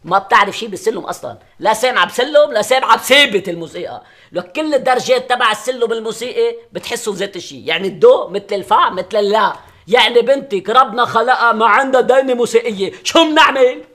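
A man's voice: animated, quick pace, heavily acted. An actor with a Lebanese accent playing a teasing, exasperated husband and father in a sitcom, mocking one moment and coaxing the next. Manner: mocking, wheedling, swings from booming to soft coaxing. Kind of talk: sitcom acting.

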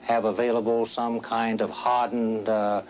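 A man explaining things as an official in an interview, formal and halting. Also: medium pitch, flat delivery. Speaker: security official being interviewed. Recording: old TV interview, faint noise.

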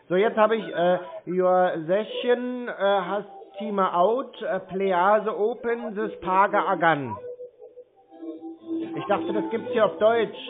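A man stringing along a scam caller on the phone, playing dumb, stalling and teasing. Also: high-pitched. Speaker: scam-baiting call recipient. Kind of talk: prank phone call. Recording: tinny phone line.

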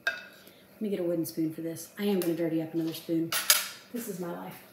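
A woman's voice: fairly low pitch, fairly even intonation, fairly quick, very noisy. A woman in her fifties chatting casually to the camera as she cooks at home, self-deprecating and talking to herself as she works. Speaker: home cooking vlogger. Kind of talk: casual cooking chat to camera. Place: home kitchen, indoors. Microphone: camera across the kitchen counter. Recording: echoey kitchen with clattering dishes.

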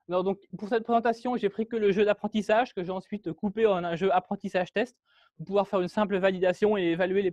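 At a meetup, a man gives a technical talk in a meetup room, walking through code with lots of fillers and restarts. His voice is high-pitched and a little mellow, with no room sound and the highs cut off.

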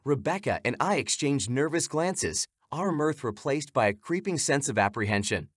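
Man narrating horror with animated delivery. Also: mid-range voice, moderate pace, breathy edge, dry recording, studio quality. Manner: dramatic, suspenseful storytelling. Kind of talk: scripted narration.

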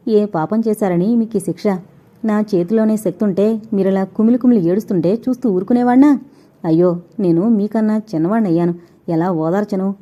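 An earnest young man pours out emotional, imploring words, as a woman narrator puts him on. The voice is deep-toned and very mellow. The recording is dull and lo-fi, like a storybook audio reading. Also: lightly acted.

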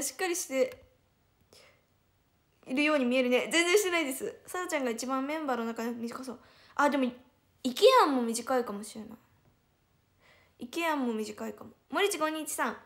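A high-voiced young woman speaks with a Hiroshima lilt. She hosts a relaxed livestream and chats and giggles as she reads out and answers viewers' comments. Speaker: idol livestreamer. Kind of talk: casual livestream chat reading viewer comments.

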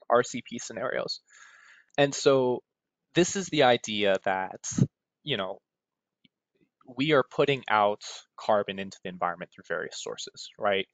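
With a voice on the low side and a bit bright, an American-accented man runs an informal technical webinar, talking conversationally and checking in with "right?" often. The sound is roomy, dull and lo-fi.

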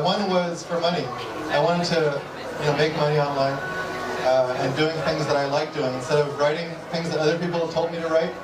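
A man in his thirties giving a relaxed, self-deprecating talk with a handheld mic at an evening event, often restarting his sentences. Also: a little high, background noise. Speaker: guest speaker. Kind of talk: conversational talk and Q&A. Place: dark event hall, indoors. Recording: roomy hall audio from a distant camera, crowd behind. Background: audience.

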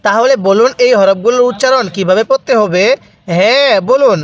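A man teaching Quran reading step by step. He spells out letters, draws out the long vowels slowly and has listeners repeat after him. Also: very high-pitched. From Bangladesh. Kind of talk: step-by-step recitation lesson.

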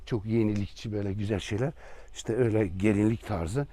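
A man's voice: fairly low pitch, steady tone, brisk, dark tone, long reverb tail. A man with an Aegean Turkish accent giving a rambling, joking property tour as a real estate agent. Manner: rambling, joking asides to viewers. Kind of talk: casual property tour vlog. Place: walking through a house and garden.

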